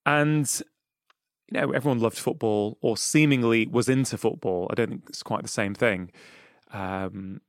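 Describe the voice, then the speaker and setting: At a medium pitch and moderate pace, an English podcast host with a Manchester accent conducts a reflective interview, earnest and thoughtful, with plenty of "you know." The recording is dry and clean, from a studio.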